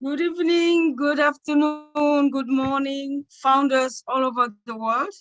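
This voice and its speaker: A woman from Togo, co-hosting an online panel, speaking with excitement and many halting fillers. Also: high-pitched, muffled recording, soft background music. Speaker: co-host.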